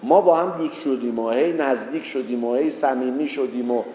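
A man giving a religious talk, telling a story and acting out the people in it with rising pitch. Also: warm tone. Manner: storytelling, acts out quoted voices with rising pitch. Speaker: religious teacher. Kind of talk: sermon with a told story. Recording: echoey hall with long reverb.

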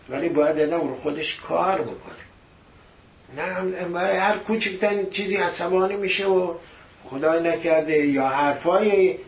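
A man's voice: sits high, a little hiss or hum. Man preaching, keeps asking rhetorical questions, roomy echo, muffled lo-fi sound. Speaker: religious teacher. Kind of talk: sermon. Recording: echoey, dull lo-fi room recording.

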